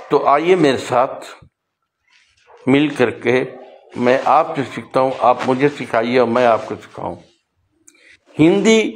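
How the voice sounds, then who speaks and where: An older man and poet, speaking in an earnest, lecturing way and giving examples. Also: medium pitch. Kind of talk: casual spoken talk on language.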